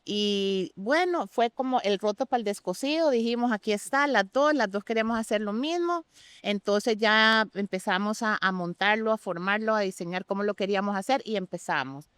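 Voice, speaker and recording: A guest sommelier from Costa Rica speaks in an interview, explaining things conversationally and with open enthusiasm. Her mid-range voice is expressive, smooth and clean, recorded close and dry with no echo, at a moderate pace.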